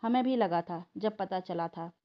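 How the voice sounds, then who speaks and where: A woman voicing a calm young woman who reasons persuasively, in a slightly dull recording. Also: fairly low pitch, measured pace, natural voice. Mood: earnest.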